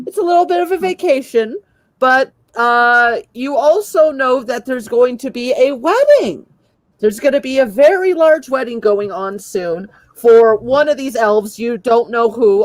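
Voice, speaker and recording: A woman narrating as game master, self-deprecating and quick to laugh, with halting restarts. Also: sits high, no echo.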